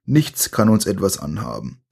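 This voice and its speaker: A man's voice: low-pitched, normal speed, creaky, husky, full character voice. A man voicing a young boy hero in a spoken adventure story, crying out in fear and reassuring his friend. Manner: frightened cries turning to steady reassurance.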